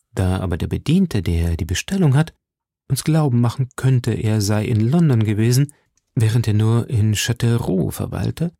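A man's voice: mid-range voice, vocal fry, dark tone, breathy edge, dry recording, studio quality. A man voicing a grave, reserved musketeer.

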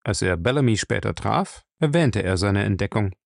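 A man reading a novel aloud chapter by chapter in a steady storytelling manner. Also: lowish voice, normal speed, creaky, no room sound, studio quality. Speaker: audiobook reader.

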